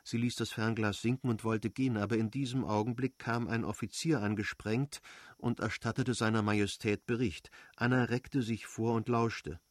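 Low-voiced male audiobook narrator. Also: steady tone, moderate pace, no room sound, clean studio sound. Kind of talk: literary audiobook reading.

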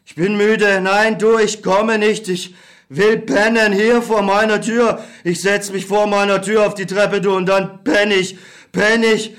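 Man acting as exhausted bitter young soldier home from war, resigned, hungry, high-pitched for a man, radio play. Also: fairly bright tone. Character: weary, bitter young male war returnee.

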